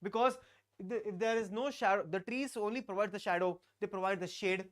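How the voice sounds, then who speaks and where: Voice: medium pitch, fairly quick. Teacher. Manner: repeats phrases, talks to students in the chat. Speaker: English teacher. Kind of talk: live online class.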